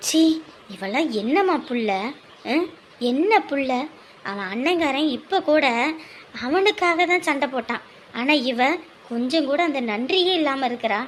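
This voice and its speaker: A woman's voice: high voice, expressive, a little slow, pauses often, slight background noise. A woman, arguing reproachfully in a family drama. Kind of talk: rural family drama acting.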